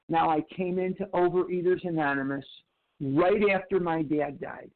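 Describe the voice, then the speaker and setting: A man in his sixties giving a candid, emphatic personal recovery share, often repeating phrases. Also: a little high. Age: 60s. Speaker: recovery speaker. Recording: tinny phone-like recording.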